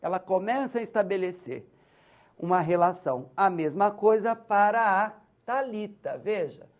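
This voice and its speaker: A woman's voice: medium pitch, lively intonation, moderate pace. A woman with a Brazilian Portuguese accent giving a university lecture, patiently walking through examples and checking that listeners follow. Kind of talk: recorded lecture on literacy.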